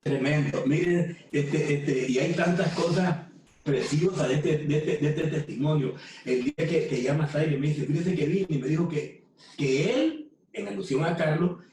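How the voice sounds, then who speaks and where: A woman with a Nicaraguan accent preaching to a women's group, fervent, repeating words and slowing down to stress key phrases. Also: low-pitched, mellow. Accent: Nicaraguan Spanish. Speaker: women's ministry speaker. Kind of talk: preaching talk. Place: room with phones streaming. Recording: very echoey room from a distant mic with faint noise.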